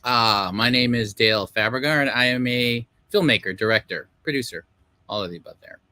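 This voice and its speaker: A man's voice: medium pitch, a little fast, bright, forceful tone, no echo. A middle-aged man from Los Angeles, a film director talking casually as a guest over a video call, rambling with many fillers. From Los Angeles, United States. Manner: rambling, many fillers, self-deprecating laughs. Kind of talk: casual interview talk.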